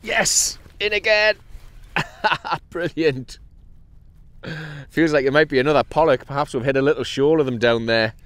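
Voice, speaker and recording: A man's voice: fairly high pitch, a little slow, no room sound. A man, chatting casually on a fishing vlog from a kayak at sea, upbeat and cheery. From North East England. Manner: chatty and upbeat, with excited bursts when a fish is hooked. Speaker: kayak angler. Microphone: action camera mounted on the kayak.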